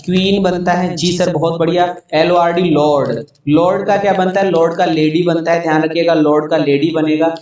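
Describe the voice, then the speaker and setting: A man's voice: a little high, little pitch movement, moderate pace, darkish tone, very echoey, far from the mic, lo-fi sound. A man teaching an online English grammar lesson, spelling words out letter by letter and answering his own questions.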